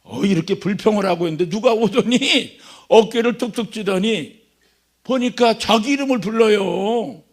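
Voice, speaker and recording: Man preaching in a church; husky and gravelly, jokes his way through an animated sermon. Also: high voice, normal speed. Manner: joking, animated storytelling. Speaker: guest preacher at a revival meeting.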